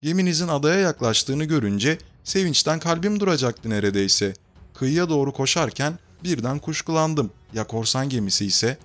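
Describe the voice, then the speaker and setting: A man voicing a gentle marooned castaway. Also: fairly high pitch, expressive, normal speed, lightly acted. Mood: earnest. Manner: soft, friendly. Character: marooned male castaway, gentle, friendly, wary.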